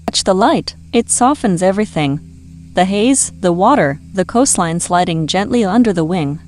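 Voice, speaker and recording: A woman reading scripted video narration in a measured, poetic way, in short phrases. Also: on the low side, lively intonation, a little mellow, a little hiss or hum.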